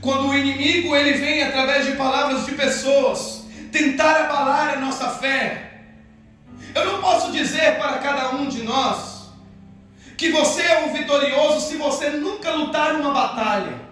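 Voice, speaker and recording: A man preaching an evangelical sermon with fervor, often shouting. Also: extremely high pitch, moderate pace. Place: church hall. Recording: echoey hall, far from the mic, with soft music.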